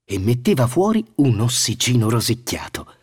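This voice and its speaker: A man reads a fairy tale aloud in an expressive storytelling voice. His pitch moves a lot, and his voice is slightly husky. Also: moderate pace. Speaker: narrator. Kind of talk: scripted storybook narration.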